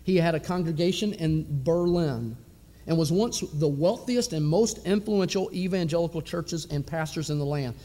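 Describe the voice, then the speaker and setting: A man's voice: fairly high pitch, moderate pace, mellow, in a large hall. A man preaching a sermon as a pastor, impassioned, driving his points home with rhetorical questions.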